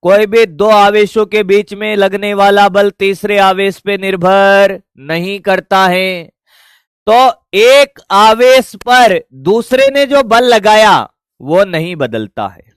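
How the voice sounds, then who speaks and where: A man with a high, smooth voice teaching physics at an unhurried pace. He keeps firing questions at the class and answering them himself, with a casual, familiar way of addressing the students. The sound is dry and close. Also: dry recording. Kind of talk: physics lesson.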